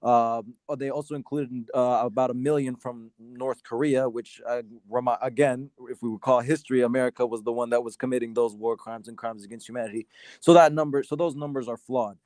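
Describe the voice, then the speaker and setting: A man from Sudan arguing his side in a casual debate, halting often with fillers and restarts. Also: mid-range voice, steady tone, a little mellow, no echo. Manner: hesitant, many fillers and restarts. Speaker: debate guest.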